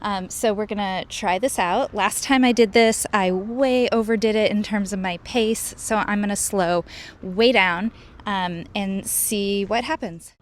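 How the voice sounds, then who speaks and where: A woman's voice: mid-range voice, measured pace. Casual woman vlogger, noisy outdoor recording. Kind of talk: casual vlog narration of a run. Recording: noisy outdoors with traffic and ambience.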